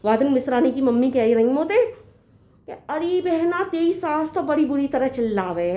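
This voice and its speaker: An earnest young daughter-in-law, played by a woman, lectures her mother-in-law in a fairly high voice. She reasons patiently and at length. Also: expressive, normal speed, dark tone. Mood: complaining. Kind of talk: comedy sketch acting.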